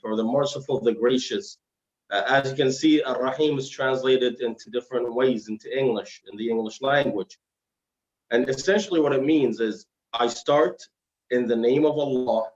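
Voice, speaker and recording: A male religious teacher explains in a formal way, slipping into Arabic phrases. His diction is slightly thick and slurred, and his mid-pitched voice comes through a roomy, somewhat muffled live stream. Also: a little mellow. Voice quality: slightly slurred, heavy-tongued diction from dental trouble. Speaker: Islamic scholar, guest lecturer. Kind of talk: religious lesson in dialogue form.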